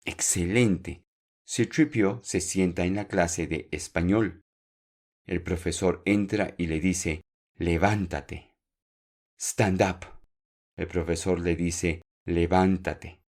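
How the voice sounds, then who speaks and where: Slow, low-voiced man teaching Spanish. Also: a little mellow. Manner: slow, clear, repeats words for learners; encouraging. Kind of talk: podcast language lesson.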